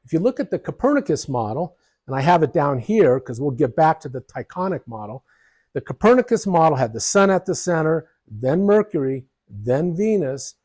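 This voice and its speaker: Lively man narrating a history lesson. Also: a little high, normal speed. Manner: lively, jokey explanations with asides. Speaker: history channel presenter.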